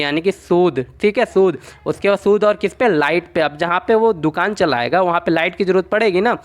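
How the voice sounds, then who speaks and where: Male tutor with a high voice; chatty mnemonic lessons, answers his own questions. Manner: repeats "okay" often, asks and answers his own questions; explains through short made-up stories. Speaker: exam-prep teacher.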